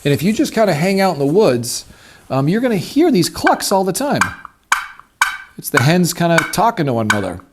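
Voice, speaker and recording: A folksy hunting instructor shows off a turkey call technique at a wooden table in a laid-back tutorial. His high-sitting voice swings widely in pitch and moves fairly quickly. You can hear the call clicking over clear background noise.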